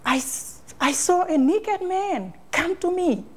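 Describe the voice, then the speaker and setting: A woman interviewee giving an emotional personal account, halting and repeating phrases in non-native English. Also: extremely high pitch, big pitch swings.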